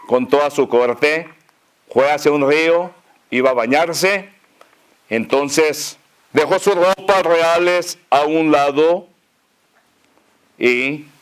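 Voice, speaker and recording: A male pastor with a northern Mexican accent tells a story during his sermon, folksy and chuckling, with lots of fillers. His voice is fairly high and clean in tone.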